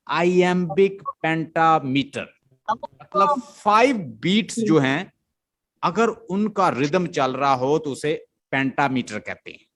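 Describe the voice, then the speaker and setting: A man's voice: on the high side, animated, slow, fairly bright tone. A male literature teacher lecturing a class, explaining step by step, chanting stress beats aloud and often checking that the students follow.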